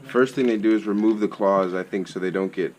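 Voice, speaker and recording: A man's voice: on the low side, fairly quick, heavy background noise. A man giving casual, conversational running commentary as a travel vlogger. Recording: busy chatter behind the voice.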